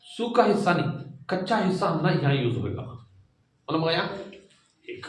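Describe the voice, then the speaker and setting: A man's voice: a little high, big pitch swings, moderate pace. A man teaching a Quran class, patiently drilling students and having them repeat each sound after him. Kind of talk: live online Quran lesson. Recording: echoey room, far from the mic.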